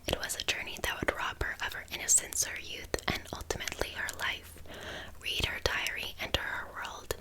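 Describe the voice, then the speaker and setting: A woman speaks entirely in a hushed library whisper. It is a whispered role-play of a helpful librarian, gently explaining books and reading aloud without hurry. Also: normal speed. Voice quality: soft unvoiced library whisper. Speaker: ASMR host playing a librarian presenting books.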